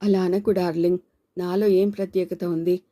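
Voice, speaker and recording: A sly, sarcastic husband from a storybook who mocks and wheedles, read by a woman in her own low, mellow voice. His words come sharp and then soft. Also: level tone, moderate pace, lightly acted. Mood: pleading. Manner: mocking.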